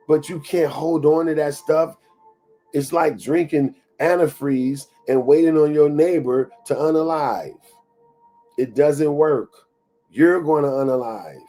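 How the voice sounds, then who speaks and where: A man's voice: mid-range voice, mellow. A man in his thirties hosting a motivational talk. His delivery is preachy and conversational, and he repeats phrases for emphasis. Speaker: show host.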